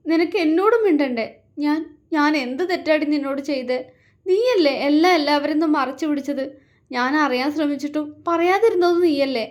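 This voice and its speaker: A woman's voice: high-pitched, pitched above the performer's own voice, natural voice. A woman voicing a hurt young woman who pleads with her friend through tears, emphatic and crying.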